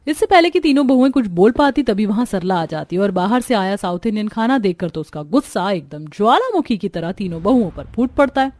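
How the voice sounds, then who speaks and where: A woman's voice: medium pitch, big pitch swings, fairly quick, hardly any pauses, darkish tone, dry recording. Woman narrating a cartoon story.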